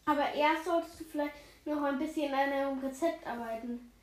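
Small nervy critter sidekick, high and jumpy, read by a woman, echoey room. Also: a little fast, lightly acted. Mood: sheepish. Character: small timid four-legged animal sidekick, male.

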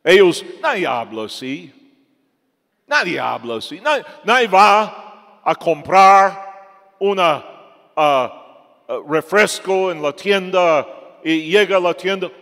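Preacher: a man giving an emphatic sermon, slow and fairly high, with a long church echo. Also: animated. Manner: emphatic, swings from loud to soft. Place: church hall.

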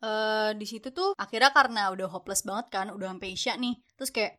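Talking fast in a pushed, bright, mid-range voice, a young university student tells her story casually. Her Jakarta speech is chatty and slangy, thick with fillers.

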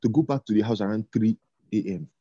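A man talking in a relaxed conversation, halting and repeating himself with many fillers. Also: fairly low pitch, no room sound. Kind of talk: casual conversation. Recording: dull lo-fi sound.

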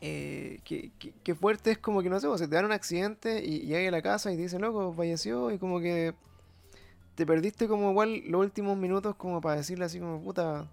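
A man's voice: sits high, a little fast, gravelly, soft background music. A man with a Chilean accent sharing a memory in rambling, slang-filled casual chat. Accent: Chilean Spanish.

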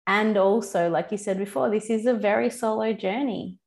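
A woman's voice: mid-range voice, steady tone, normal speed, vocal fry, darkish tone. Earnest woman hosting a podcast. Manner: earnest and reflective, agreeing with "mm" and "yeah". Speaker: podcast host. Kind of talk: casual conversational interview.

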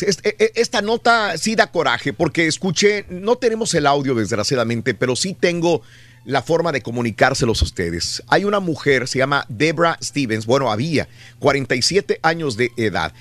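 A man with a Mexican Spanish accent hosting a radio show, telling news stories in an indignant, animated way with many fillers. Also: a little high, no room sound. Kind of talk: news commentary on a morning show.

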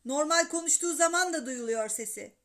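A woman's voice: high voice, lively intonation, a little fast, fairly bright tone. A woman doing an exasperated dad. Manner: stern and exasperated. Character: exasperated father at the dinner table. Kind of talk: children's story reading.

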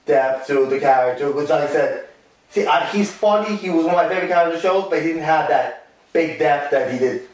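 A man's voice: a little high, brisk. Rambling man in an echoey room. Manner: rambling, many fillers and restarts. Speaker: co-host discussing a musical and its film. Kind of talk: casual chat. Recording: echoey room, distant from the mic.

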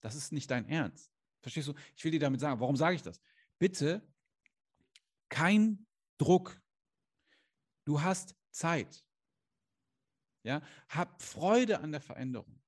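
A man with a high-pitched voice talks to camera as a life coach. He is earnest and direct, firing off rhetorical questions and sprinkling in Islamic phrases. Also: expressive, normal speed. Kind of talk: motivational coaching talk to camera. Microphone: camera he adjusts himself.

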